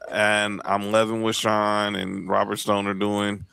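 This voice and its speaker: A man's voice: fairly low pitch, completely flat delivery, a little slow, vocal fry, bright, forceful tone, clean tone. A man co-hosting a podcast in casual chat, running through lists and restarting phrases. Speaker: podcast co-host.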